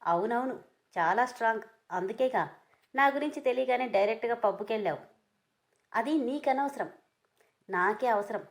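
A woman reading a cheeky young man who won't back off, high playful voice, storybook. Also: normal speed, creaky, pauses often. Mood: teasing. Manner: playful, pushy banter. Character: young man, teasing persistent lover.

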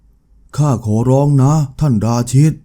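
A stern old grandmother who speaks firmly and refuses to back down, as a man reads her part. Her voice comes out very dark and mellow in this storybook telling. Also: slow pace, natural voice. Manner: firm, pleading yet unbowed.

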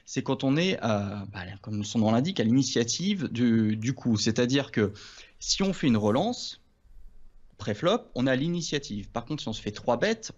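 A man's voice: medium pitch, a little mellow, dull audio. A man explaining poker terms in a casual lesson, hesitant and full of restarts. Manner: hesitant, many restarts and fillers. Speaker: poker coach.

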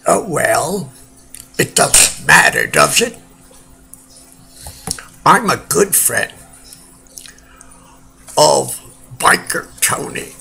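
A man playing a goofy, slow-witted British joke-teller with a put-on British accent, rambling and giggling at his own joke in a comedic monologue. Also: fairly high pitch, wildly swooping pitch, pushed and bright, full character voice. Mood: joking. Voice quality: very gravelly.

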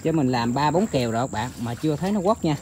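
A man talking casually to his viewers outdoors, rambling with many filler pauses. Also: mid-range voice, expressive, darkish tone, slight background noise. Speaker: bird-trapping vlogger. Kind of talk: casual outdoor vlog narration. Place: outdoors in countryside.

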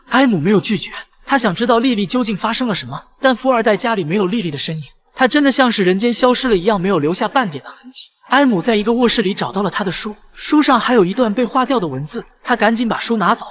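Recap narrator: man with a high-pitched voice, brisk scripted storytelling. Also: fairly bright tone.

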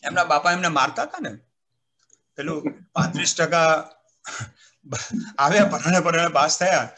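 A man, a retired civil servant, giving an animated storytelling talk on a video call, acting out quoted voices and reciting verse. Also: a little high, moderate pace. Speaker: retired civil servant speaking at a literary event. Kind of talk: anecdotal speech at an online literary program.

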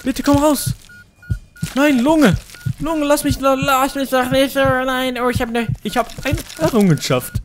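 A young man giving excited let's-play commentary, frantic, often yelling and pleading at the game. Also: very high voice, a little slow, faint music behind. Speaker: gaming YouTuber.

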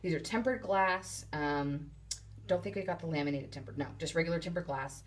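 A woman's voice: low voice, a little fast. A woman giving a rambling, casual walkthrough, full of ums and asides, filmed on a handheld phone inside an unfinished wooden shed. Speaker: vlogger building a tiny house.

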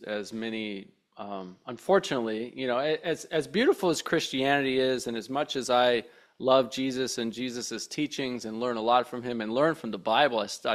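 A man in his thirties hosting a podcast from a home studio, speaking earnestly and thoughtfully with many hesitations into a mic on a boom arm. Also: moderate pace. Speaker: podcast host. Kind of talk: reflective interview conversation. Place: home studio with shelves and plants.

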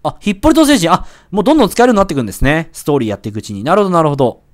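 A man giving excited commentary while playing a video game, yelping and shouting whenever he takes a hit. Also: a little high, rapid-fire. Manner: excitable, yelps and shouts at hits. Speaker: let's play gamer.

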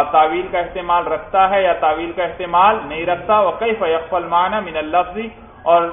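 A man with a fairly high voice teaches a class, asking his students questions and answering them himself as he works through Arabic text. The room is echoey and the recording sounds thin and phone-like. A faint hiss sits underneath. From Pakistan. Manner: reads Arabic text aloud then explains it. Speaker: teacher of Islamic jurisprudence. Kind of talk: classroom lecture.

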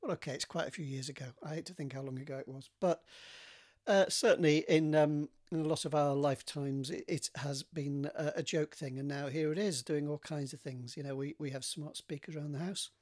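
A man, an author chatting casually about his writing with many pauses and restarts. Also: on the high side, steady tone, a little mellow. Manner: rambling, many fillers and restarts. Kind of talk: casual chat to camera.

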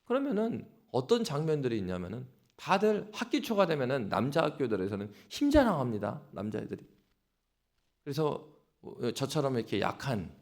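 Lively, gravelly male pastor preaching. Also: mid-range voice. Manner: animated storytelling, exhorting. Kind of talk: sermon.

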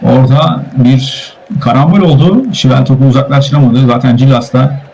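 A man calling a live online football game, rattling off player names and rising to shouts at big chances. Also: mid-range voice, creaky, breathy edge, rough recording. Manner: rapid name-calling, rising to shouts at goals. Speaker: play-by-play commentator. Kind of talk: live esports commentary.

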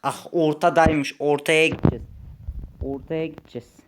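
A young man giving casual gameplay commentary, chatty, muttering when frustrated and shouting when excited. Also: a little high, normal speed, heavy background noise. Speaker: gaming YouTuber.

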